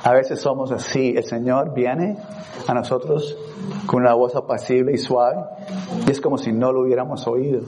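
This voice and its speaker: A man preaching a sermon in an expressive way, moving from quiet, reflective stretches to loud, dramatic moments, and slipping in English words. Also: medium pitch, moderate pace, background noise. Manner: drops in English words, asks congregation for a word.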